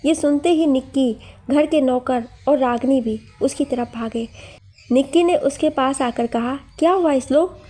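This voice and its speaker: A woman tells a household story in a high voice. Her tone is soft and mellow rather than bright, and she reads the dialogue with lively drama. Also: measured pace. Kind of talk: narrating a Hindi family story, voicing all characters.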